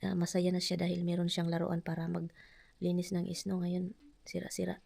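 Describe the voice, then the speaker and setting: Filipino-accented woman vlogger, low and gravelly, casual chatter over a noisy home recording. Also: monotone, moderate pace, dark tone. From Philippines. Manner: chatty, switching between Tagalog and English, often drops to a whisper. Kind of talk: casual vlog chat. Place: home, garage and house.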